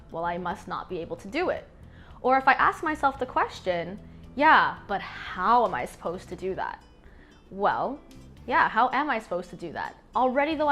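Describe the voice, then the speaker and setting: A young adult woman hosting a motivational coaching talk, leaning hard on key words and musing through drawn-out pauses. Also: fairly high pitch, a bit bright. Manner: emphatic, leans on key words. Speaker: host.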